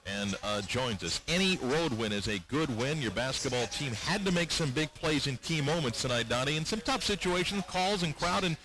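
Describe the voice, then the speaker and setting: A man in his forties, a broadcaster, interviewing a coach at courtside on a headset mic, brisk and upbeat as he recaps key plays. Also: a little high, animated, rough recording. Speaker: radio play-by-play broadcaster. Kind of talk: post-game interview. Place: courtside in a basketball arena.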